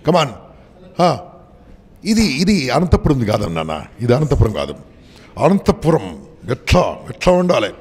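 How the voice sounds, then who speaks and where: Brief: high-pitched male motivational speaker, commanding and rousing, long hall reverb. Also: huge pitch swings, normal speed, long pauses, darkish tone, slightly rough. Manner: commanding, rousing, mixing English into Telugu. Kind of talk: motivational seminar talk to students.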